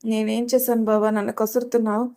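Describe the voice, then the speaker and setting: A woman's voice: fairly high pitch, little pitch movement, fast, creaky, warm tone, clear, resonant tone. Woman playing a talkative, playful young woman. Storybook reading. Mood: hurt pleading. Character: chatty young woman, playful, easily hurt.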